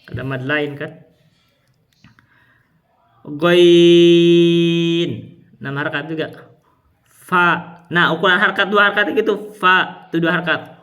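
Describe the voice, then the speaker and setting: A man teaching Quran recitation rules, explaining patiently and demonstrating long drawn-out recited syllables. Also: fairly high pitch, steady tone, bright, forceful tone. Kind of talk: tajwid lesson with recited examples.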